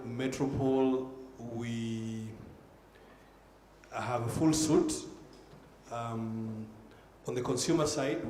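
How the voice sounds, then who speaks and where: A man's voice: medium pitch, darkish tone. An economist, a man, introducing himself on a conference panel in a businesslike way. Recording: echoey hall, faint noise.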